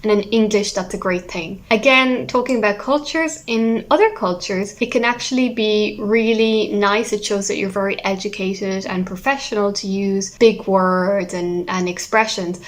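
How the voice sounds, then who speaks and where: A young Irish woman teaching an online English lesson, with a musical, expressive delivery that leans on stressed words. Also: mid-range voice, moderate pace, few pauses.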